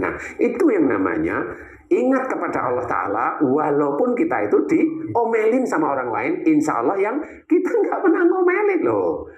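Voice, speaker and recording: A man's voice: medium pitch, darkish tone, lo-fi sound. A man giving an Islamic religious talk, answering questions in a teasing way with many rhetorical questions. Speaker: Islamic preacher. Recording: echoey room.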